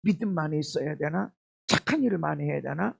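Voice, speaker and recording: A male pastor delivers a church sermon in a high, husky voice with a gravelly edge. His pitch leaps around as he moves between loud exclamations and quiet asides. He keeps turning to the congregation with direct questions. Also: lively intonation, quick pace. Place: church service.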